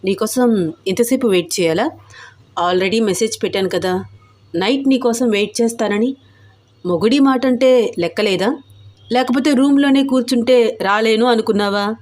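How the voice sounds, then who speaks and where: A woman's voice: on the high side, moderate pace, long pauses, darkish tone, close to an everyday voice. A woman voicing a pushy, teasing young husband in a read-aloud love story, coaxing and insistent. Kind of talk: storybook character voice.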